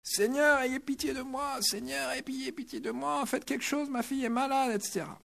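A man's voice: steady tone, normal speed, gravelly, fairly bright tone, exaggerated voice. A man voicing a desperate pagan mother who shrilly begs for help, then protests with mock outrage. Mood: pleading. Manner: high shrill cries, then mock indignation.

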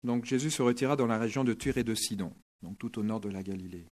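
A male preacher giving a sermon, retelling a scripture story in a lively, dramatic way. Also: medium pitch, fast talker.

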